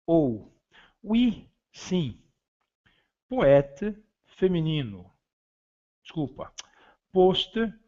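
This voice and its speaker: A man teaching a beginner French lesson, saying each word and then its translation, lifting the French words louder and stumbling on fillers as he explains. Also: mid-range voice, lo-fi sound. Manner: hesitant fillers while explaining. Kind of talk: beginner language lesson, reading vocabulary.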